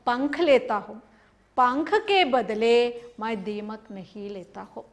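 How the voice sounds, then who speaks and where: A mocking cart driver from a classroom story, scolding and emphatic, read out by a woman teacher. The voice sits high and the words come slowly. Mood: scornful. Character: mocking cart driver man, scornful trader.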